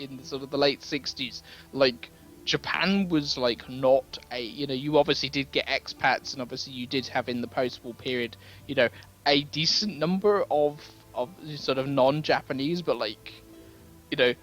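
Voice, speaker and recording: A young man with an average-pitched voice makes dry jokes while talking about a film, padding his points with fillers. Faint music sits behind him. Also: moderate pace, fairly bright tone. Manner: wry, joking, hedging with fillers. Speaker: podcast co-host. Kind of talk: casual film review chat.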